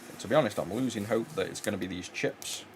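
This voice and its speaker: An electronics repair channel host with a low voice chats casually and fast while working at his bench. He rambles, restarts sentences and fills gaps with ums, over a faint background noise.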